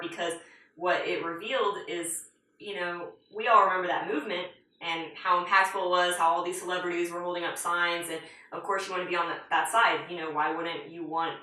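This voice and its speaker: A woman's voice: on the low side, bright, forceful tone. A woman reviewing a film in a casual conversation as one of a panel. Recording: very echoey room, far from mic.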